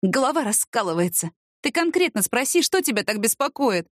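A weary, listless young woman answers tiredly and defensively, as a woman reader voices her. Her voice is fairly high, recorded dry and close. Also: big pitch swings, brisk, no room sound.

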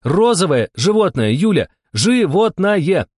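A man's voice: high-pitched, big pitch swings, quick pace, breathy edge, dry recording, studio quality, pitched above the performer's own voice, exaggerated voice. A man voicing a brusque, impatient young woman who barks her guesses. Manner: barking, impatient.

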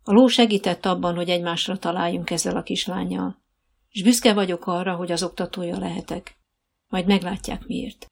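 Calm riding coach lady, steady soothing commands, gravelly edge, woman reading it. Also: on the low side. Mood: reassuring. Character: calm encouraging female riding instructor.

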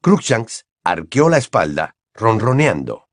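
A man narrating an audiobook in an expressive, varied storytelling manner. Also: on the low side, takes it slowly, no echo, studio quality. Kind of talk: audiobook reading.

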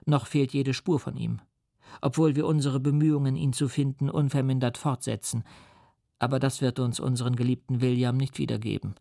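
A man narrating a classic novel in a measured, earnest and solemn reading. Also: medium pitch, little pitch movement, creaky, mellow, dry recording, studio quality. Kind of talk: dramatic literary reading.

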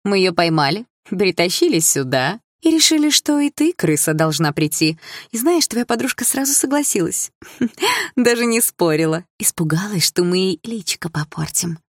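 A woman's voice: mid-range voice, big pitch swings, moderate pace, dry recording, clean studio sound, voice pushed up. A woman reading an audiobook, voicing a cocky, cruel teenage girl bully with a taunting, sneering manner.

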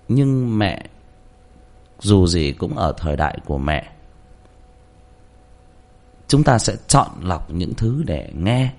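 A man's voice: on the low side, gravelly, darkish tone. A man giving blunt, coarse advice to listeners in a casual, rambling way, often repeating words.

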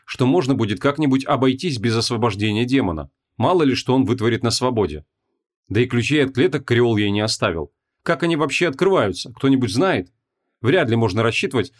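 A man narrating a fantasy audiobook in an even, measured storytelling manner. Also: mid-range voice. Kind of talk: scripted narration.

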